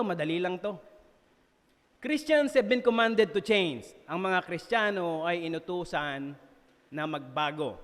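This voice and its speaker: A Filipino man delivers a sermon in a fairly high voice, lively and quick to joke at his own expense. He keeps checking in with his congregation as he goes. His voice rings with the long reverb of a church hall. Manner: lively, jokes and laughs at himself, often checks in with listeners. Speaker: preacher. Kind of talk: sermon mixing Tagalog and English.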